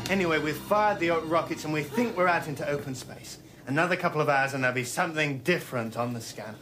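An actor playing a polite, eager young spaceship officer with a hesitant, apologetic manner, in a television science fiction drama. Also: male voice, on the high side, quick pace, music in the background, natural voice. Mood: earnest, awkward. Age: young adult.

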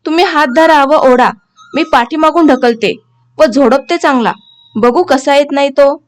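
A woman's voice: high-pitched, moderate pace, close to an everyday voice. A woman voicing a strict but loving village mother who scolds her son sharply. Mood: angry scolding. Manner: scolding, commanding.

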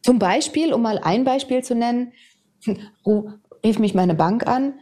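Woman in her fifties, interview guest, candid lively storytelling, mellow tone. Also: on the high side, measured pace. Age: 50s. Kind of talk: personal testimony in conversation.

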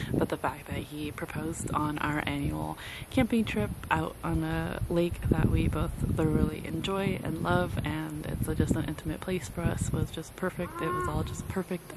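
A woman in her thirties, a book vlogger chatting casually and rambling with frequent ums, filmed outdoors at a lakeside campsite on a phone held at arm's length. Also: low voice. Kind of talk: casual chat. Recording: outdoor phone audio with background noise.

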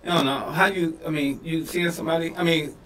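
A man's voice: fairly high pitch, steady tone, brisk, fairly bright tone. A man co-hosting a comedy podcast, telling loose joking stories with lots of restarts and laughs. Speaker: podcast co-host. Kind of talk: casual comedy podcast banter. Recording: roomy echo, mic a bit far off.

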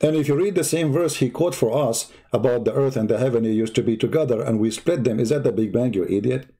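An online debate host whose first language is Arabic runs a heated live stream, pounding his opponents with mocking rhetorical questions. His dark, slightly husky voice has a combative edge. He speaks at medium pitch and a quick pace.

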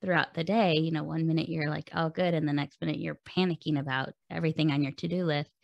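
Woman podcast host, deep gravelly voice, conversational and affirming. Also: fairly even intonation, fast talker, dry recording, muffled recording. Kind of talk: interview conversation.

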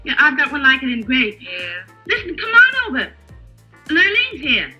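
A flirtatious 1930s phone gossip, all breezy mumbled asides. Her high voice swoops wildly and rings bright and sharp, with film music underneath. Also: sing-song, moderate pace, heavily acted. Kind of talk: 1930s talkie film acting.

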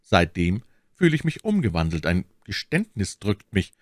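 A man's voice: deep voice, sing-song, moderate pace, dry recording, clean studio sound. Man voicing an eager young swordsman. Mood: earnest, courtly. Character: gallant young male swordsman, eager and flattering.

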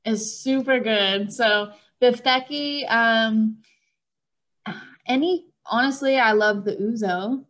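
A young woman with a light Texan accent, a fitness coach appearing as a podcast guest, chats over a video call from a room at home beside a window. Her voice is fairly high, slow and a little bright, and the casual interview talk is friendly and giggly.

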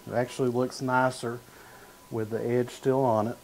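A man in his thirties cooks through a recipe on his show in a home-style studio kitchen indoors, relaxed as he stirs and slices, peppering his talk with "uh" and "gonna". His mid-range voice shows little pitch movement and moves at normal speed. The recording is rough, with a little hiss or hum.

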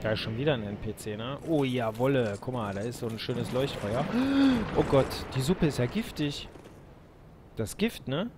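A man giving casual let's play commentary, excitable, with loud exclamations and talking to his viewers. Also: mid-range voice, moderate pace, background noise.

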